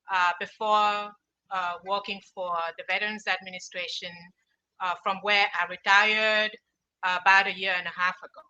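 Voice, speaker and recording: A woman from Cameroon pitches her app over a video call. Her voice is very bright and ringing. She speaks earnestly, pausing often with fillers and restarts. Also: rough recording. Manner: earnest, halting with many fillers. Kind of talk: online pitch presentation.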